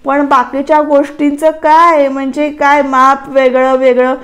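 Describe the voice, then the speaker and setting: A woman's voice: high-pitched, flat delivery, measured pace, a bit bright. Woman reading a feisty, teasing young wife. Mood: bickering. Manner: teasing, argumentative. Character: feisty young wife who talks back.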